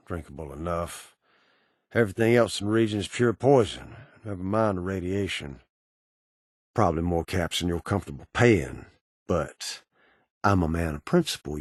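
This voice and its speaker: An actor playing a cynical, menacing ghoul bounty broker in a video game, with an American Southern accent and a sardonic drawl full of cowboy slang. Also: male voice, sits low, no room sound, clean studio sound. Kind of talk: video game character dialogue.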